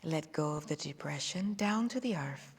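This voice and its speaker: A woman leading a guided meditation and qigong session, speaking slowly and soothingly and drifting into soft whispers. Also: sits low, animated, husky. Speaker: qigong instructor. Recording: long hall reverb.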